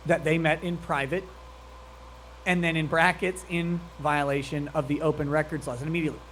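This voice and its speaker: A man's voice: fairly high pitch, steady tone, fairly quick, a bit bright, a little hiss or hum. A man giving profane, mocking live commentary on a video clip, laughing often. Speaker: streamer commenting on a meeting clip.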